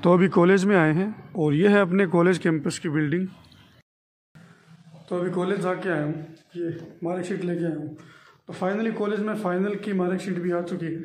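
A man's voice: sits high, steady tone, normal speed, over music. A man in his twenties chatting casually to viewers in a vlog, explaining things step by step, recorded on a phone at arm's length in a room at home. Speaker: vlogger. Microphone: phone held at arm's length. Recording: roomy echo from a bare room.

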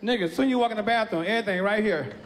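A man doing a loud, profane stand-up comedy set, acting out voices as he tells stories. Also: high-pitched, very fast. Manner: brash, profane, loud storytelling with acted-out voices. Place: comedy club stage before a laughing audience. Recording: live show, loud crowd laughter and noise.

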